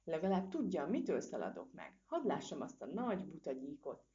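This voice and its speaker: A woman's voice: deep voice, huge pitch swings, mellow. A woman voicing a bold, clever little male squirrel in a storybook reading, daring and cheeky. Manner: cheeky, daring, quick exclamations. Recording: dull lo-fi recording.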